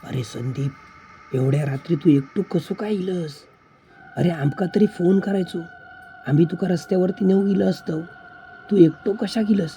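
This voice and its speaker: A protective middle-aged village father, played by a male narrator, talks to a young guest in an earnest, concerned way. He has a Malvani accent and a mellow, dark tone. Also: mid-range voice, steady tone, normal speed, slight background noise, lightly acted.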